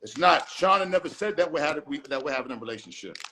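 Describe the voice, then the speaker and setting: A man's voice: a little high, expressive, fast talker, sharp tone, a little hiss or hum. A man being interviewed in a casual live video call, speaking emphatically and profanely, often repeating and restarting phrases. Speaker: interview guest.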